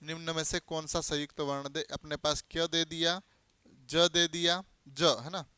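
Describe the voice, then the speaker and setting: A man teaching a grammar class in a high, crisp voice. He keeps asking the class questions and then answering them himself, hammering home each key term. The sound is dry and close, with no room around it. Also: little pitch movement, measured pace, pushed and bright, dry recording. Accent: Hindi. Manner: explains by spelling out letters and giving everyday examples.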